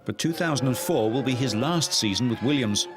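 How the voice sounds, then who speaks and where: A man reading scripted motorsport news narration in a measured, even delivery. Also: mid-range voice, music in the background. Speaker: news presenter.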